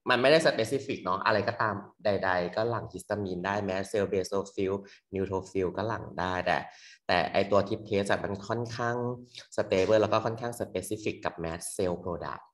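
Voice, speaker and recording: A young man tutoring medical students in a loose, quick exam review full of fillers. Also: low-pitched. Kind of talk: casual exam review lecture. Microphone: computer mic on a screen recording.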